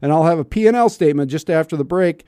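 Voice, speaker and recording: A man's voice: on the high side, lively intonation, fast talker, mellow, clean tone, no echo, clean studio sound. A man hosting a radio show in casual banter, wry and mock-grumbling, often asking rhetorical questions. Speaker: radio talk show host.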